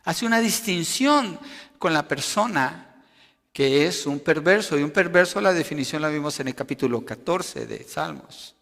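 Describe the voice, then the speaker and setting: A man preaching a sermon, emphatic, rising loud for quotations and dropping low to explain. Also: expressive, normal speed, vocal fry, big-room sound. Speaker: pastor.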